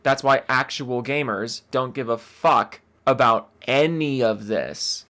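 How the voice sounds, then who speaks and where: A man's voice: medium pitch, animated, takes it slowly, bright, forceful tone. A man giving casual reaction commentary, talking in a sarcastic, mocking, exasperated way and swearing freely. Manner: profane, exasperated.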